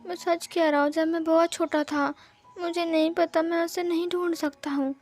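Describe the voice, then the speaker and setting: Woman doing a nervous, stammering young guy, high and jumpy, soft music behind; storybook reading. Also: little pitch movement, moderate pace. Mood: shy. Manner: stammering, pleading. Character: shy flustered young man, timid and nervous.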